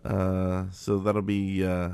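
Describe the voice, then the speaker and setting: A man's voice: deep voice, completely flat delivery, takes it slowly, darkish tone, clear, resonant tone, no echo. A man and father of young kids, co-hosting a casual podcast chat and telling rambling, joking stories. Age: adult father of young kids. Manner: jokey, rambling storyteller. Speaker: podcast co-host.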